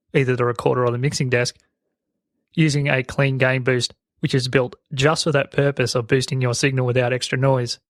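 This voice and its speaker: Speaking into a close-up broadcast dynamic mic, an Australian man hosts a podcast, explaining topics in a mid-range voice. His s-sounds are very pronounced, and there's no echo at all.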